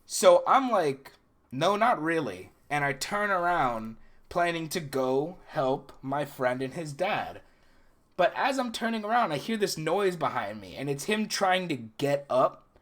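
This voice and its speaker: A young man recounting things in a casual first-person storytelling style, animated and acting out the dialogue as he goes. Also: a little high, measured pace. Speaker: video creator recounting dreams.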